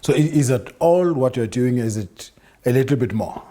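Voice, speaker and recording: A man's voice: mid-range voice, lively intonation, normal speed, dark tone. A man hosting a studio interview, chatty and anecdotal, laughing easily. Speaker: interview host.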